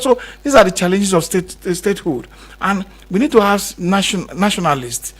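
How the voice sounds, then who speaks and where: A Nigerian man speaking as a radio guest, impassioned and repetitive, pushing harder as he stresses his points. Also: high voice. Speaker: guest commentator. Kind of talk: radio interview.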